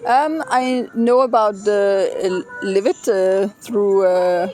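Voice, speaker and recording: A middle-aged woman from Denmark, a business consultant, answering interview questions thoughtfully with many pauses and fillers, outdoors by the beach. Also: mid-range voice, a little mellow, faint music behind. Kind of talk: casual interview.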